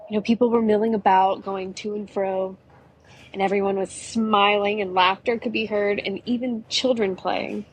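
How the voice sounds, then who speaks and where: A woman narrating an adventure in a relaxed, chatty way, often slipping in "you know". Her voice is husky and middle-pitched. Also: low-quality recording. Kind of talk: storytelling narration.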